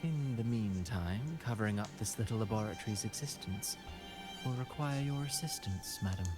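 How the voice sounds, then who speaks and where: Man playing a smooth, courtly, scheming game villain. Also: on the low side, lively intonation, normal speed, natural voice. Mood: smooth, sinister. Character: suave scheming villain, cold calculating male conspirator. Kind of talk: scripted video game dialogue. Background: game music.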